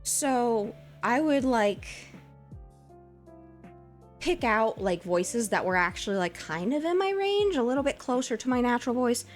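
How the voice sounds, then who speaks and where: Putting a lighter, feminine voice over her naturally low one, a woman in her twenties chats casually with viewers on her VTuber stream. She's very animated yet unhurried, rambling with fillers and giggles as faint music plays behind.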